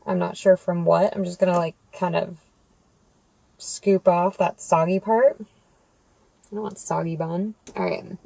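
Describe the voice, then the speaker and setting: An American food vlogger hosting a mukbang chats casually with viewers, reviewing crunchy fried chicken between bites. Her voice is low, gravelly, and dark, with fairly even intonation, a measured pace, and long pauses. The recording is dry and rough.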